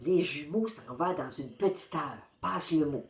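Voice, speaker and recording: A woman doing a calm, dignified farm animal. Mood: sly. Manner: calm, measured, low-key. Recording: roomy echo.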